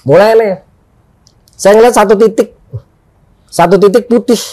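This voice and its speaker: A man's voice: high voice, unhurried, dry recording. A man telling a story in casual chat, acting out his friends' lines as he goes. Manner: animated, acts out friends' lines. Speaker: guest storyteller.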